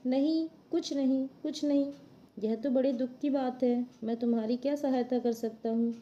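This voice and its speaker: A woman's voice: on the high side, fairly even intonation, moderate pace, muffled recording, lightly acted. A woman voicing a sly, cunning male jackal in a storybook reading for children.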